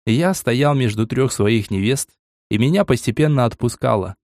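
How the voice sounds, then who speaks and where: A man reads an audiobook in first person, at an average pitch for a man. His storytelling is even and measured. The recording is close and dry, with no room sound. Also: no echo. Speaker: audiobook narrator.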